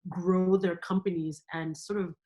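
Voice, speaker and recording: A woman from Cameroon, a guest in an interview, telling stories in a lively, animated way and laughing often. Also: on the low side, measured pace, poor audio. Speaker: guest, theme park company executive. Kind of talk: conversational interview.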